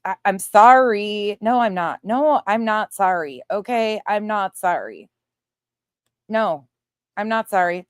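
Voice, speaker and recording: A livestream host reacts to another creator's stream in a casual, sarcastic way, blunt and mocking and occasionally swearing. Her voice sits at medium pitch with a clean tone, recorded at studio quality with no room sound.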